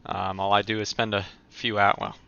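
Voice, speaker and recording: Gravelly low-voiced male streamer. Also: brisk, lo-fi sound. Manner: relaxed, chatty, answers viewer comments. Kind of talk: casual live-stream chat.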